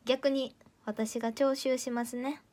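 A teenage girl with a Kansai Japanese accent chats casually on a livestream, reading out viewer comments. She teases her viewers playfully in a voice pitched a little above average. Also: fairly even intonation, a little slow, mellow. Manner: playful and teasing, chatty. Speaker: idol audition candidate streaming live.

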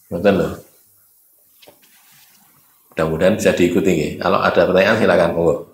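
A man's voice: sits low, steady tone, a little fast, roomy sound. A man with a Javanese accent teaching Quran reading at a religious study, explaining patiently and chanting letters aloud. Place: mosque.

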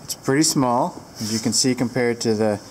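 A woman's voice: very deep voice, moderate pace, a little mellow. A woman giving a casual, rambling product review with fillers, filmed on a handheld camera inside a large barn with the door open to the wind.

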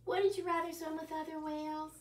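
Speaking a little fast in a high register, a sixty-something children's librarian gives an animated storytime, reading a picture book with gasps and sing-song songs. She's recorded in her living room by a camera set back across the room, so the audio is reverberant and distant.

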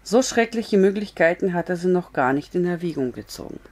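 A woman reading a novel aloud as a storyteller, in calm, measured narration. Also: lowish voice.

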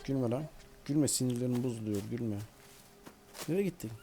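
A man giving casual, joking commentary over his own gameplay, often talking to the characters on screen. His voice sits at an ordinary middle pitch, with a faint hiss in the background. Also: moderate pace. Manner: playful, joking, talks to the game. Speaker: gaming video host. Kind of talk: casual let's-play commentary.

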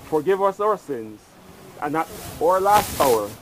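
A man's voice: on the high side, sing-song, measured pace. A clergyman solemnly declaiming scripture and prayers at an outdoor funeral. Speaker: officiating clergyman. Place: outdoor cemetery graveside. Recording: outdoor recording with noticeable background noise.

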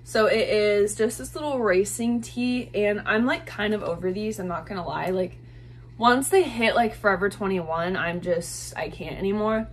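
Sitting indoors in a small bedroom with a bed, a fashion vlogger in her twenties talks casually to the camera about thrifted clothes she loves. She is chatty and gushing, filling her speech with "like." Her voice is medium-pitched and her pace is moderate.

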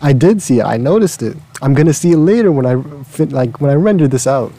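A young man with a mellow, dark voice chats on a podcast over a call. He trips over his sentences. He defends himself with self-mocking humor. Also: mid-range voice, animated, quick pace. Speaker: podcast co-host and editor. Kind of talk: casual chat. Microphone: video call.

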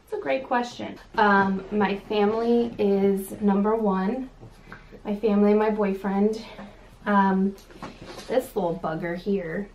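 A woman's voice: medium pitch, little pitch movement, slow, darkish tone, distant mic. A young woman from California chatting casually on her channel, sassy and full of ums. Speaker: vlogger. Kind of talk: casual chat. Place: home room. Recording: echoey room with faint background hiss.

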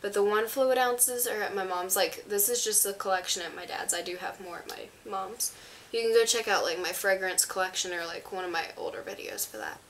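Sounding stuffy and a bit unwell, a teenage vlogger chats to a camera set on a stand before her, casually rambling through a show-and-tell of items in her small bedroom. Her medium-pitched voice is brisk and somewhat bright, with slight noise behind it.

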